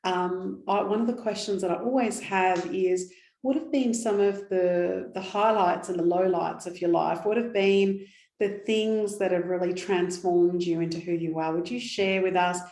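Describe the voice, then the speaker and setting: A woman's voice: lowish voice, fairly even intonation, normal speed, a little mellow. A woman hosting a podcast interview, eager and chatty, with some "um"s as she reads a guest's introduction. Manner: enthusiastic, reads guest bio with fillers. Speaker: podcast host. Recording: roomy echo with faint music.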